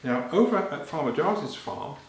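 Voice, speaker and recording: A man performing a story live for children, animated and talking to them directly, halting and repeating phrases as he goes. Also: on the high side. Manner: animated, addressing children with questions. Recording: very echoey, reverberant room.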